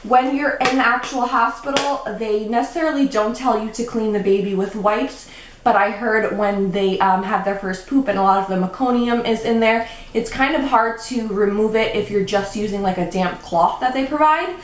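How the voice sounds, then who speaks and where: A woman's voice: a little high, normal speed. A young woman vlogging at home, chatty and a little out of breath as she explains things step by step. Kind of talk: casual show-and-tell vlog. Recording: echoey room with faint background noise.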